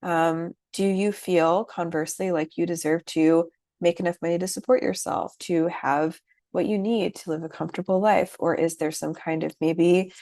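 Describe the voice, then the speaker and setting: A woman teaching an astrology workshop in a gentle, reflective way, often pausing with fillers. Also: fairly low pitch, fairly even intonation, no room sound, studio quality. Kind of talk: lecture.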